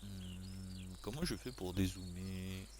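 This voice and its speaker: A French man commentating his farming game, animated and jokey, swinging between low muttering and excited yelps. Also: slow pace, music in the background. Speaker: gaming YouTuber. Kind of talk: let's play commentary.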